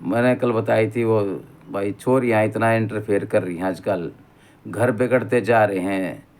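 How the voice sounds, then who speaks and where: A man's voice: fairly low pitch, fairly even intonation, unhurried, darkish tone. A middle-aged man with a rustic Haryanvi accent talks straight to his viewers in a loose, unscripted monologue. He rambles from one story to the next and keeps calling his listener brother as he goes. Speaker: vlogger. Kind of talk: casual spoken monologue.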